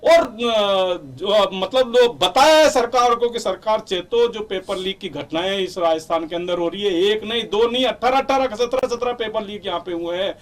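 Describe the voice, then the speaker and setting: High-voiced forceful political spokesman, distant. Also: moderate pace, hardly any pauses. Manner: forceful, repetitive, campaign-style. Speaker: youth wing party spokesman. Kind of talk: heated political debate.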